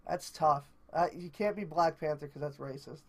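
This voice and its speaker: A man's voice: fairly high pitch, normal speed, darkish tone. A young man interviewing a friend in casual chat, blunt and opinionated, swearing freely.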